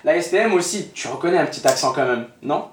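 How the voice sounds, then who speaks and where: A man hosting a podcast, chatting casually and quickly, slangy and excitable as he questions his guest. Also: a little high, a little hiss or hum. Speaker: podcast host. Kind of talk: casual chat. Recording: echoey room.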